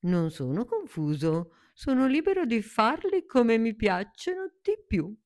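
A woman's voice: a little high, sing-song, a little slow, a little mellow, dry recording, studio quality, pitched above the performer's own voice. A woman voicing a newly bloomed little flower in a children's story, speaking in a self-assured way. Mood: carefree.

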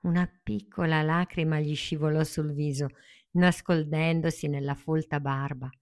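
A woman narrating a children's fairy tale in a slow, gentle storytelling manner. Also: deep voice, fairly even intonation.

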